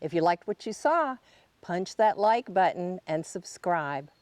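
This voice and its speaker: A woman hosts a garden tour. Her voice sits somewhat low for a woman. She explains in a plain-spoken, instructional manner. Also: animated, unhurried, a little mellow, no echo. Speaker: garden channel host.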